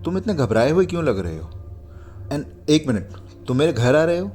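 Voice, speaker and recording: Brief: a man playing an anxious young woman in a spooky storybook phone call, lifted pitch, quizzical, music behind. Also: very animated, normal speed, darkish tone. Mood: puzzled. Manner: puzzled, questioning, raised voice. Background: background music.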